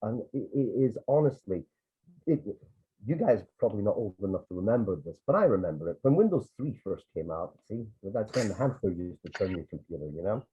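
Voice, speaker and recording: Over tinny, phone-like video call audio, a Scottish man tells casual stories in a lowish, expressive voice with a breathy edge, speaking fairly quickly. He's a tour guide and photographer from Edinburgh who rambles, restarting often and drifting into asides.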